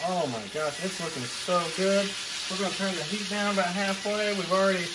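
A man's voice: high voice, brisk. A young man hosting a casual cooking video in his home kitchen, chatting to the viewer as he chops and stirs. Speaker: cooking show host. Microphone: camera mic at a distance. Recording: noisy kitchen with sizzling pan. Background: frying and sizzling food.

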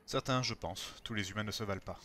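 A man's voice: lowish voice, fast talker, bright, forceful tone, slight background noise. A man doing a let's play, reading game dialogue choices aloud. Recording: game music behind the voice.

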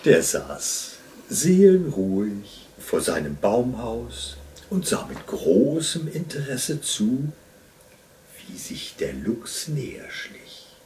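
A man reading a children's story aloud in an expressive, unhurried storytelling voice. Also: mid-range voice, far from the mic, a little hiss or hum.

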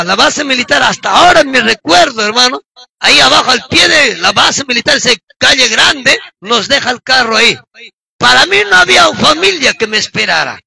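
A middle-aged man from Peru gives a fervent sermon testimony and often breaks into shouts. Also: extremely high pitch, vocal fry. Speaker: preacher giving testimony.

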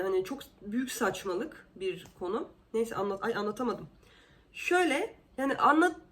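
A woman talks straight to camera as a vlogger, fed up and sarcastic about what she is describing. Her voice sits a little high, and she keeps leaping upward on her words before dropping back down. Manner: indignant, sarcastic, exasperated; animated, with sudden pitch jumps. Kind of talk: casual commentary.

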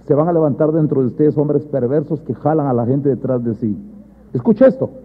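Husky high-voiced pastor preaching. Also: male voice, a little fast. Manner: swings from loud emphatic bursts to low quiet asides; keeps addressing the church as brothers. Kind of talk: sermon. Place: church. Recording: thin phone-like sound.

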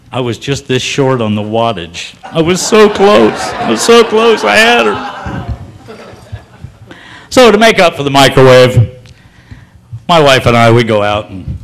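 This stand-up comic, speaking at a medium pitch, works a comedy club crowd with deadpan stories told in a folksy drawl, letting each one build to a loud punchline.

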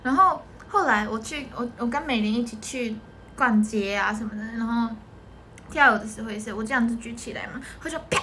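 Her voice slightly high, a bit fast, pushed and bright, she answers viewers' comments from home with frequent laughter. The idol group member has a Taiwanese Mandarin accent, and there's a faint hiss or hum.

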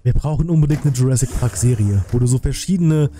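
A male streamer with a dark, mellow voice hosts a reaction stream, chatting casually at medium pitch and a fast pace. He uses a close desk microphone on an arm in a small indoor home streaming room, and there is a little hiss or hum.

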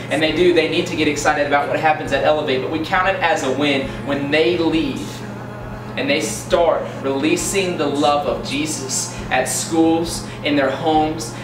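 Earnest young man preaching in a roomy hallway. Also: on the high side. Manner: earnest, building to excited emphasis, gesturing with his hands. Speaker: youth pastor. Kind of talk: short motivational youth sermon to camera. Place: school locker room and long hallway, indoors. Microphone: camera a few steps away, no mic seen. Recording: roomy, distant sound with music underneath.

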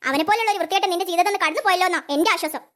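A performer doing a caring young woman friend, cartoon, very high voice, fast, earnest. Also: a bit bright. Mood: consoling. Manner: consoling, earnest.

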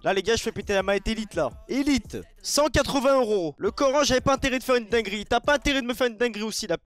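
A young man with a French accent giving raging gameplay commentary, shouting one moment and muttering the next, with sing-song taunts. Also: extremely high pitch, racing, soft background music. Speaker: gaming streamer.

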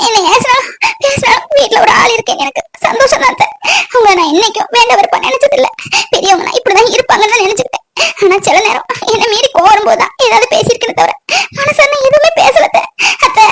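A woman's voice: high-pitched, very fast, noisy background, lightly acted. A woman voicing a young, dutiful daughter-in-law in a cartoon, wailing and pleading through tears. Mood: tearful. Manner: wailing, sobbing pleas. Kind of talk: cartoon voice acting.

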